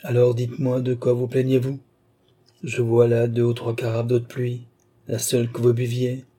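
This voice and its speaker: Guy doing a chill patient sorcerer dude in an audiobook, low soft voice, kinda husky and dark. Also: moderate pace, close to an everyday voice. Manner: calm, soft, even-tempered replies. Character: patient composed male sorcerer, middle-aged.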